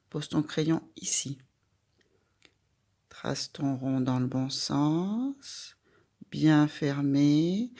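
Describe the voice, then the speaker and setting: Very slow, gravelly-voiced woman teaching handwriting. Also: low-pitched, a little mellow. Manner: patient, addresses the child directly with simple instructions. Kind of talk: step-by-step handwriting lesson for a young child.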